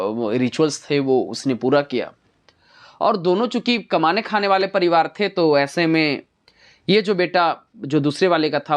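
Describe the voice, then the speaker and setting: A woman teacher explaining a poem line by line, using everyday examples and asking her students rhetorical questions. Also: lowish voice. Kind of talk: poetry lesson explanation.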